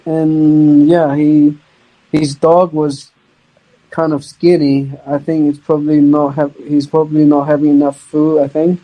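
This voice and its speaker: A young man, speaking as a guest on a podcast. His voice sits a little high with a soft, mellow tone. He talks casually but haltingly, restarting sentences and repeating words as he goes. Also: flat delivery, low-quality recording. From China. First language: Chinese. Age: young adult. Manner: halting, repeats words, non-native grammar. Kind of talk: casual storytelling.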